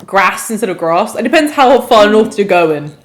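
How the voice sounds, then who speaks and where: A woman's voice: a little high, big pitch swings, moderate pace. A young English woman co-hosting a casual podcast, rambling and self-deprecating, swearing now and then. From England. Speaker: podcast co-host. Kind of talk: casual chat.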